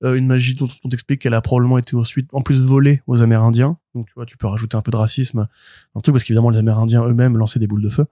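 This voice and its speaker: A man co-hosting a comics podcast, retelling a plot in an animated, rambling way full of fillers and restarts. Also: mid-range voice, rapid-fire, dry recording, clean studio sound. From France. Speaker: podcast co-host, comics reviewer. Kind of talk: casual podcast chat.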